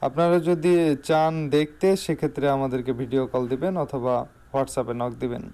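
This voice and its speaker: Bangladeshi guy doing a casual sales voiceover for his shop, mellow and clear, mid pitch. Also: normal speed. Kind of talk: informal product showcase voice-over.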